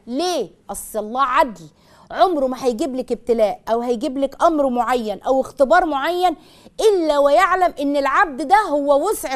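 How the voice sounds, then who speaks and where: A woman with an Egyptian Arabic accent hosting a call-in show, giving earnest, step-by-step advice straight to the listener. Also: high voice. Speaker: call-in show host and counselor.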